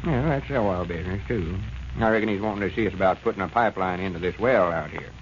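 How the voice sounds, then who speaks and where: A man's voice: low voice, fast talker, lightly acted. An actor playing a self-assured older Southern country businessman who explains things in a folksy way in a 1930s radio comedy. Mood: explaining. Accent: rural Southern US. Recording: muffled, noisy 1930s radio recording.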